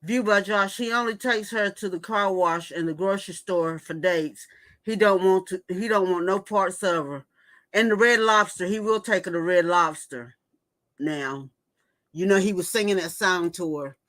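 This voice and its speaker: This woman's voice is lowish and a bit bright, delivered at a moderate pace. She's a livestream host in her fifties, keeping the talk casual as she gossips and reads out viewer comments before reacting.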